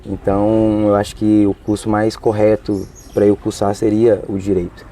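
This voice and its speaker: A Brazilian man in his twenties from Tocantins, a law graduate, answers interview questions in an earnest, hesitant way. His lowish, dark-toned voice comes across flat at a normal speed.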